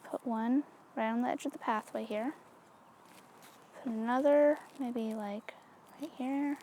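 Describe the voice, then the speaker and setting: A woman's voice: high-pitched, steady tone, measured pace, warm tone, a little hiss or hum. A woman casually talking through a hands-on craft demonstration, chatty and easygoing, with lots of little fillers. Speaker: craft tutorial host.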